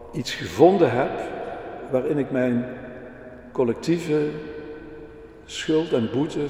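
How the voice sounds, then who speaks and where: Male preacher, deliberate, warm dark tone, very echoey church. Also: medium pitch. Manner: slow, earnest, deliberate. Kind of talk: sermon with children's story. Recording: echoey church hall with long reverb.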